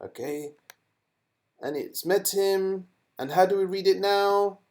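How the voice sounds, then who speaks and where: A man teaching children a lesson in a playful, animated way, asking questions and making sound effects. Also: sits high, slow.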